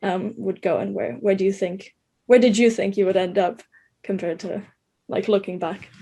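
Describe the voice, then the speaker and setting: A woman's voice: mid-range voice, steady tone, moderate pace, vocal fry, dark tone, breathy edge. A young woman from Slovenia, a student interviewer asking questions informally and tentatively, rephrasing as she goes. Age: young adult.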